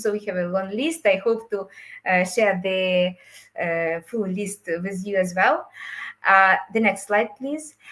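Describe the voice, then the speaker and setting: A woman course creator presents a webinar, hesitating with frequent fillers and restarts; her first languages are Ukrainian and Russian. Her voice is medium-pitched and fairly bright.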